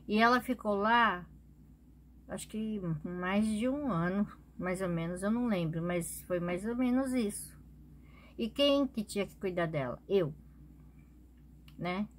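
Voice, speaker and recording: A woman's voice: mid-range voice, slight background noise. A woman vlogger telling a personal story in a casual, chatty way, often adding little tag questions.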